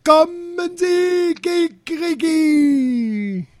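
Ein Mann, der einen pompösen Zirkusdirektor spielt, der in gedehnten, krähenden Ausrufen Reden hält. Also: male voice, big pitch swings, slow, dry recording, studio quality, heavily acted. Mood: grandly declaiming. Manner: grandly declaiming, crowing falsetto shouts. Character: pompous male circus director, loves giving speeches.

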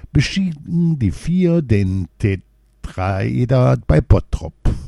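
A man reading a children's story aloud in a calm, measured storybook narration. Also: low-pitched, creaky, breathy edge, dry recording, clean studio sound.

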